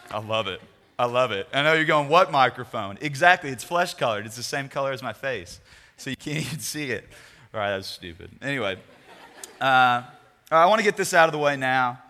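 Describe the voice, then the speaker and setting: A man's voice: mid-range voice, expressive, a little fast, sharp tone. A young man speaking casually to a youth group, rambling and self-deprecating with jokes before turning to a sermon. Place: large meeting room with a crowd. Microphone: handheld microphone. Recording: hall reverb.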